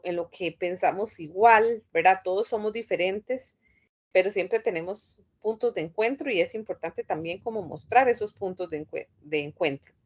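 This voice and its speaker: A woman teacher lectures in a calm, thoughtful way. She stops often with fillers and restarts her sentences while she explains. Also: mid-range voice, lo-fi sound. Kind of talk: online class lecture.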